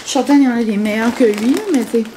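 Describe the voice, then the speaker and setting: A woman's voice: on the high side, fairly even intonation, fast talker, noisy background. A young woman, chatting casually for her vlog, full of fillers and dropping in English words. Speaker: vlogger. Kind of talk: casual chat.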